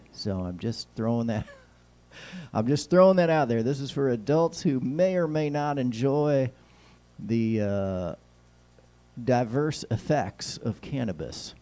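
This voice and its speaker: This warm, medium-pitched voice belongs to an American man from Kansas City who hosts a relaxed talk show. His solo political chat carries light humour and a folksy, rambling, neighbourly feel, and his s sounds whistle.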